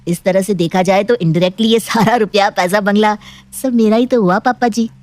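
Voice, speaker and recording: A woman's voice: mid-range voice, moderate pace, a little mellow, close to an everyday voice. A woman playing a smug, greedy young man. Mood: cheeky. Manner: smug, cheeky, mocking. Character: cocky greedy jobless young man, brash. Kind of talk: animated storybook voice acting.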